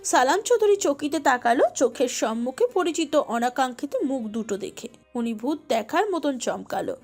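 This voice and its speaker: A woman narrating a romantic audio story with expressive, emotive delivery. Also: high voice, normal speed, soft background music.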